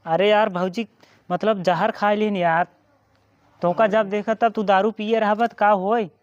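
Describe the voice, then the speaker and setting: A man's voice: sits high, steady tone, unhurried, dry recording, muffled recording. A man with an eastern Uttar Pradesh accent playing a bossy, scheming village brother-in-law in an amateur comedy skit. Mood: mock distressed.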